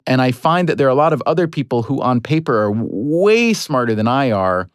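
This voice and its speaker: A man talking casually as a guest author, mid-pitched and wandering through his thoughts with plenty of self-mocking asides. The sound is dry and close, with no room echo. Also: big pitch swings, fairly quick, clear, resonant tone. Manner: rambling, self-deprecating, laughs at himself. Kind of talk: casual podcast conversation.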